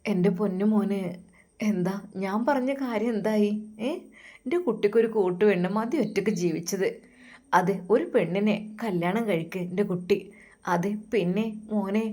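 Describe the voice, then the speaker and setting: A woman's voice: mid-range voice, unhurried, darkish tone, lightly acted. A woman voicing a loving elderly mother who speaks tenderly to her son in a dream, coaxing and repeating endearments. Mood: tender, pleading.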